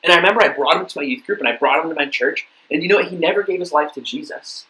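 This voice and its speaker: A man's voice: on the high side, rapid-fire, sharp tone, rough recording. A young adult man giving a youth group talk, telling a personal story in a casual way with lots of fillers and restarts. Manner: casual storytelling, many fillers and repeated words. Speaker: youth pastor.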